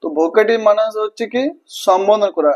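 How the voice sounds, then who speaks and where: A man's voice: sits high, fast talker. A man teaching English grammar, repeating himself, spelling words letter by letter and checking in with the class often.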